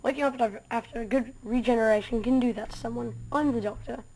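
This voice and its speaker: A woman reading a fan story aloud, voicing an eccentric, excitable male alien doctor with a marveling, exclamatory manner. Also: on the high side, fast, poor audio. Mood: chipper.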